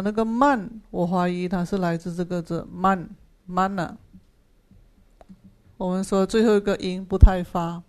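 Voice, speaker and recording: A Buddhist sutra teacher giving a dharma class, patiently explaining Pali terms, repeating key phrases and filling pauses with drawn-out "ah"s. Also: mid-range voice. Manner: patient explaining of Pali terms, asks and answers own questions.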